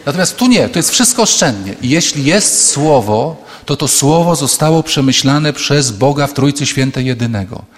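A man's voice: mid-range voice, normal speed, hardly any pauses. Male priest preaching in a reverberant hall. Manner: lively storytelling, acting out quoted voices. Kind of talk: humorous sermon to students. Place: large hall with an audience.

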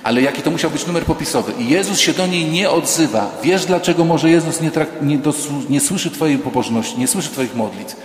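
A man, a priest, preaching a sermon in a lively storytelling way, acting out the voices of the people in his stories with humor. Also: fairly high pitch, a little fast, hardly any pauses. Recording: echoey church hall.

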